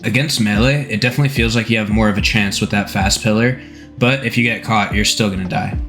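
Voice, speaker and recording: A young man giving a dry, monotone gameplay commentary voice-over as a gaming video creator. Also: lowish voice, quick pace. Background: soft guitar music.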